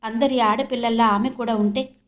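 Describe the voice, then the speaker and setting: A woman from Andhra Pradesh narrating an audio novel with measured, expressive storytelling. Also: fairly high pitch. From Andhra Pradesh, India.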